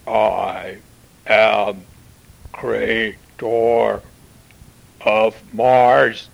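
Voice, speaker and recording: A man channeling a solemn male Martian commander who addresses Earth in formal, measured pronouncements with long pauses. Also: fairly low pitch, level tone, gravelly, heavily acted, low-quality recording. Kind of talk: channeled spiritual message.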